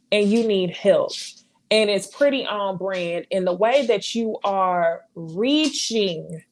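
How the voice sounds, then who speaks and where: A young woman hosts a live reality TV recap in a casual, blunt way. Her pitch sits in the middle range. She rants with lots of profanity and long filler words. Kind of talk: casual live-stream commentary.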